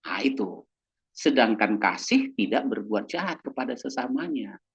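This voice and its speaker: A male pastor delivers a lively sermon, his voice leaping up and down as he acts out small exchanges with humor. The recording sounds dull and lo-fi. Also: mid-range voice, normal speed, gravelly, slightly rough. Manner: animated, acts out little dialogues with humor.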